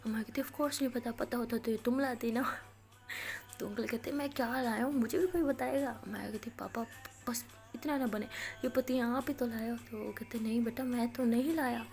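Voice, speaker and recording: A woman's voice: a little high, fairly even intonation. A woman casually narrating a love story in Urdu with a Pakistani accent, acting out the characters' dialogue as she goes. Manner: retells scenes in quoted dialogue, rising loud for angry lines.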